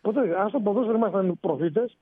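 A man, a sports reporter phoning in to a radio show, explaining in an animated way. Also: high-pitched. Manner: explanatory, animated, rising emphasis. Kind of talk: sports radio phone-in analysis. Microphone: phone. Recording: tinny phone line on radio.

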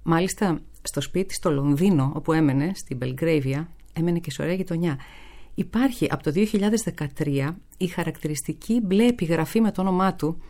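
A woman's voice: low-pitched, mellow. A woman presenting a classical music radio program, explaining the music in an informative way with chatty asides.

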